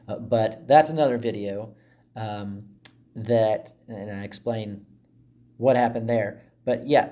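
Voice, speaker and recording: A man's voice: medium pitch, mellow. A man in a mid-range voice explains a Bible passage as a teacher would. He talks casually and chattily, breaking up his sentences with asides and small fillers.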